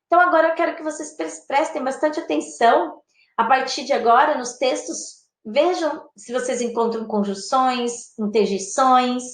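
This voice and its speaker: A woman teacher giving an online class, chatty and affectionate with her students, acting out example words with lively swings of pitch. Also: moderate pace, echoey room. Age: adult past adolescence.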